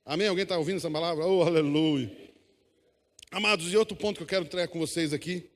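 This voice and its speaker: A man's voice: on the high side, fast. A man preaching a sermon, emphatic, calling the congregation to repeat after him. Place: church hall. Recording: long echo of a church hall.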